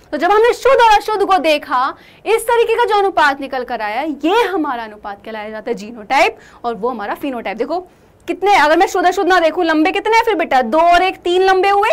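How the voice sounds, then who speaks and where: A young woman with a very high voice teaches a class. She asks her students questions, answers them herself, and keeps repeating the key terms. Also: a bit bright.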